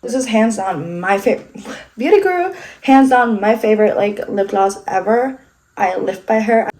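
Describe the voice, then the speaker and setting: Sniffling and stuffed up, a young woman chats her way through an at-home makeup vlog in get-ready-with-me style, poking fun at herself and dropping casual swears as she rambles. She speaks at normal speed in a mid-range, slightly mellow voice on a rough recording.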